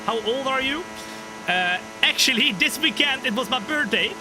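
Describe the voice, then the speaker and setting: Over the engine noise of a racing game, a twenty-five-year-old man streams live in a very high, expressive voice at normal speed. He talks with viewers and calls the race, joking around and teasing himself.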